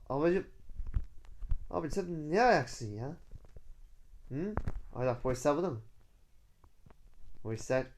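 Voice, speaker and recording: Excitable young man whooping over gameplay. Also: a little high, slight background noise. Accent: Turkish. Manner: excitable, whooping loudly at stunts. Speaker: gameplay YouTuber. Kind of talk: casual gameplay commentary.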